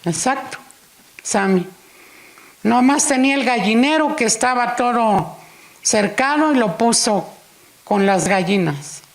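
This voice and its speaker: Slow, gravelly woman preacher. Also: on the high side, animated. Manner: unhurried, acts out the story's dialogue. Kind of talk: sermon storytelling. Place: church.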